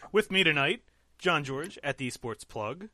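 A man's voice: fairly high pitch, lively intonation, a little slow, a crowd in the background. A man hosting a casual esports podcast, talking loosely and correcting himself as he goes. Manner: loose, rambling, self-correcting. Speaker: podcast host.

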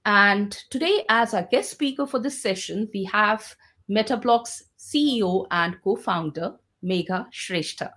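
A woman hosting an online Q&A session as a podcast host, speaking in formal, measured phrases with frequent pauses. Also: medium pitch, lively intonation, fairly bright tone.

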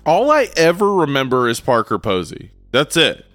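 A man co-hosting a podcast, chatting casually with an animated, enthusiastic manner and frequent laughter. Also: mid-range voice, moderate pace, dry recording, faint music behind. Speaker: podcast co-host.

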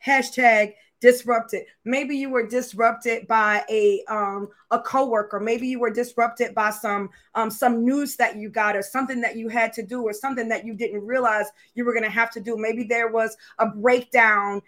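Woman pastor, slightly high voice, loose conversational sermon opener, self-deprecating, quick to laugh. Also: fairly even intonation, a bit bright. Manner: candid and self-deprecating, laughing often, asking viewers questions. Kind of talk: casual, conversational sermon opening to an online congregation.

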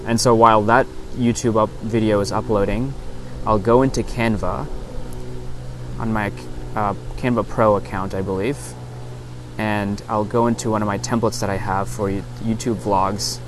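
A man with a fairly low voice talks casually as a solo podcast host. He explains things step by step, rambling a little and correcting himself. It is recorded on a lapel mic out in an open park field, with clear outdoor noise behind him. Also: fairly even intonation, normal speed. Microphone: lapel lavalier into a phone.

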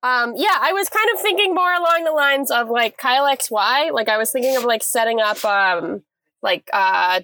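A woman's voice: a little high, animated, normal speed, pushed and bright. A woman co-hosting a podcast in casual chat over a video call, recording from inside a small clothes closet, chatty and upbeat, laughing easily. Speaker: podcast co-host.

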